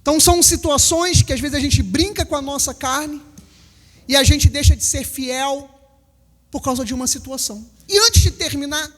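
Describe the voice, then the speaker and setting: A high-pitched man in his fifties from Brazil preaching a lively sermon in a church hall. He hammers his warnings with repetition and acts out small scenes for the congregation. His voice rings with a long hall reverb. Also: moderate pace. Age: 50s. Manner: emphatic, repeats lines, acts out little scenes. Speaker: pastor.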